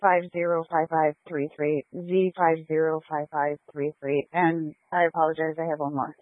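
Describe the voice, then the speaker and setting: Higher-voiced male officer on narrow radio. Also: little pitch movement, moderate pace, no echo. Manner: procedural, spells out letters and numbers. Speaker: police officer. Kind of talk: police radio call-ins. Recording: narrow, muffled two-way radio transmission.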